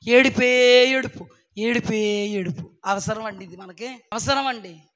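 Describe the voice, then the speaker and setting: Woman preacher, hoarse and straining; forceful, bright, emphatic, heavy on rhetorical questions. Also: mid-range voice. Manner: swings between loud bursts and soft asides. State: hoarse, losing her voice. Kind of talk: sermon.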